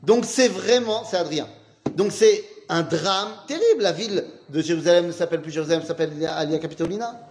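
Animated, questioning male Talmud teacher. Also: sits high, brisk. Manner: animated, asks questions and answers them himself; casual and slangy. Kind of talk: informal Talmud class with students.

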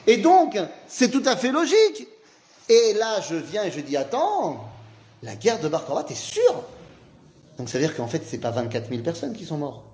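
A man's voice: a little high, sing-song, brisk, a little mellow. A man teaching an informal Talmud class, asking questions and then answering them himself in a casual, slangy way.

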